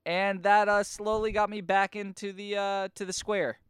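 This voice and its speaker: A man's voice: high-pitched, little pitch movement, normal speed, a bit bright, clear, resonant tone, no room sound, clean studio sound. A man co-hosting a podcast, chatting casually with a wry, joking way of talking. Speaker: podcast co-host. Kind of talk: casual chat.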